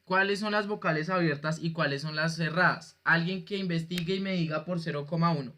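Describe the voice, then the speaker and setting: A man's voice: fairly high pitch, a little fast, pushed and bright. A male teacher giving an online class, patient and jokey, quizzing his students as he explains. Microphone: video call.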